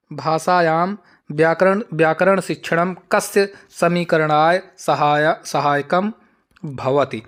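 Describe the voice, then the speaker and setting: Man, somewhat high-pitched, teacher, exam-prep lesson, slow careful reading. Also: clean tone. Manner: reads each option slowly, then explains in plain Hindi.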